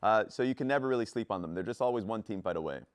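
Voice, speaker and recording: A man breaking down match footage as an esports analyst, animated and full of fillers. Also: on the low side, racing, no echo. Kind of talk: analyst desk commentary.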